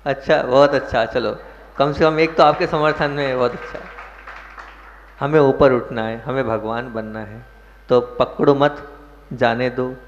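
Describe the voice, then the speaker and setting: A male monk delivers a sermon at a middle pitch, pausing to ask his listeners questions and leaning hard on key words. The sound is dull and lo-fi, with a long reverb from a large hall. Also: steady tone, slight background noise. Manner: explains verses, asks the audience questions, stresses words. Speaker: Jain monk giving a sermon. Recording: muffled echoey hall recording.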